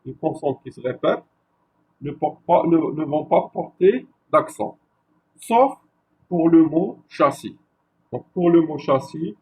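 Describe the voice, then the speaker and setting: A male university lecturer giving a classroom lecture, slow and repetitive, checking with his listeners after each point. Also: a little high, darkish tone, slight background noise, low-quality recording. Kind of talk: classroom lecture on French spelling.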